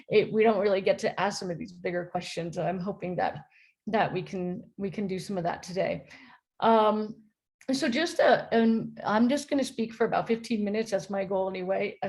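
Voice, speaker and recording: On a conference panel, a woman philosophy professor from the United States talks with an American accent and a mid-range voice. She comes across as friendly but halting, often saying um and starting over.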